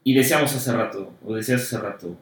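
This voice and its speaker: A man's voice: medium pitch, quick pace, slight background noise. A man, interviewing in a casual conversation about faith, reflective and hesitant with many fillers. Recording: roomy echo, distant mic.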